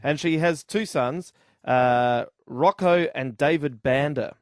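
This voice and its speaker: A man with an Australian accent co-hosting a radio show, with excitable, stammering quips. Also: on the high side, takes it slowly, dry recording, clean studio sound. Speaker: radio co-host. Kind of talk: breakfast radio banter. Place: radio studio.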